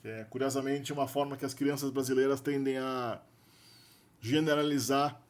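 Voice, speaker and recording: Brazilian man, mid-pitched, casual explainer who thinks aloud and restarts phrases. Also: steady tone, moderate pace. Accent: Brazilian Portuguese. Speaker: linguistics video presenter. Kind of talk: unscripted explanatory lecture.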